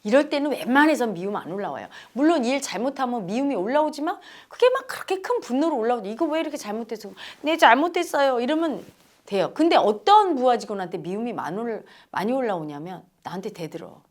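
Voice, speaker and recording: A middle-aged woman gives a spiritual talk to her listeners. Her voice sits high and swings widely in pitch. She keeps asking them questions and acts out the voices she quotes. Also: big pitch swings, fast talker, darkish tone. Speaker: spiritual teacher. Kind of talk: dharma talk.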